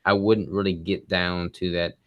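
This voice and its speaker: A man guest in a casual interview, explaining his diet approach in a quick, relaxed way with casual fillers. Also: low voice, no echo, dull audio. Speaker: bodybuilder guest.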